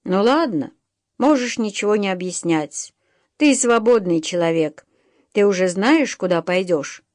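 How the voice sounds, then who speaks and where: Woman reading as a gruff blacksmith master. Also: medium pitch, expressive, unhurried, no room sound, studio quality, natural voice. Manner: gruff, a bit hurt, loudly encouraging. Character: gruff middle-aged male blacksmith master. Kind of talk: audiobook reading.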